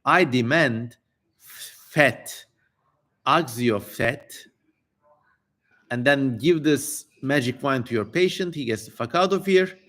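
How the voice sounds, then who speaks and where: Speaking slowly with long pauses, this man has a medium-pitched, fairly bright voice. As a streamer, he reads an old text aloud with theatrical flair on the strange names, mixed with casual, cursing asides.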